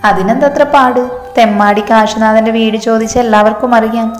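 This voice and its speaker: A woman's voice: a little high, fairly even intonation, brisk, natural voice. Woman reading a teasing young female friend. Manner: teasing, chatty. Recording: echoey reverberant room, faint music.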